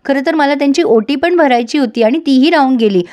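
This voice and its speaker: Caring, concerned middle-aged mother-in-law, soft-spoken, a woman voicing her. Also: high-pitched, a little fast, lightly acted.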